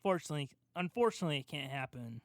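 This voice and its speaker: This podcast co-host talks very fast in a sing-song, rather high voice, with no room sound on the recording. He rambles through a casual chat about comic book films with a fan's enthusiasm.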